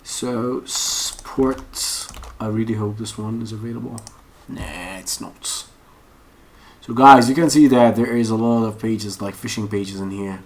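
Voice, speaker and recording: At his computer, an online course instructor with a fairly low voice and measured pace gives an unscripted screen-share tutorial. He rambles and thinks aloud while searching, and the noisy room carries typing and mouse clicks.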